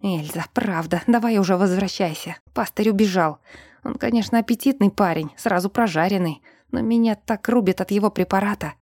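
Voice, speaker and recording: A woman reading an audiobook and voicing a gruff, protective male werewolf who talks low and teases drowsily. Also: a little fast, a little mellow, dry recording, studio quality, natural voice. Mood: pleading. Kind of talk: audiobook character voice.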